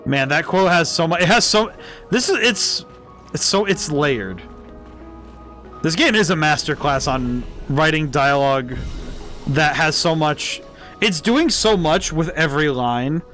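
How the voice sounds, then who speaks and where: A man's voice: a little high, lively intonation, unhurried, sharp tone. A man giving casual live game commentary as a streamer, enthusiastic and thinking aloud. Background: game music.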